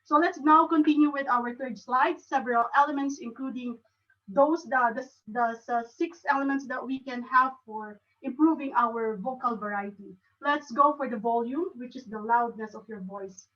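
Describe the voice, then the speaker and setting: Filipino woman speaker teaching a club session; halting, repeats words, pitched high, far from the mic. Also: a bit bright, dull audio. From Philippines. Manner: halting, with frequent restarts. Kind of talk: educational talk.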